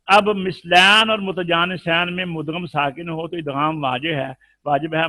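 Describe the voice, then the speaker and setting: Bright-voiced man teaching Quran recitation. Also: on the high side, no echo. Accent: Urdu. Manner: explains patiently, then chants examples slowly. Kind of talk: live tajweed lesson with recited examples.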